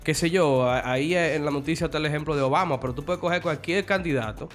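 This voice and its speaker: A man's voice: a little high, fast, soft background music. A man with a Dominican accent, co-hosting a podcast in a loose, joking, slangy way. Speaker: podcast co-host. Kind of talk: casual chat.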